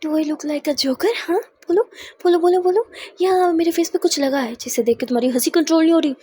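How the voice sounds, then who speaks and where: A woman voicing a bossy, impatient young woman who scolds with sharp retorts while telling a story. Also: high-pitched, steady tone, fairly quick, breathy edge. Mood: scolding. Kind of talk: storytelling voice acting.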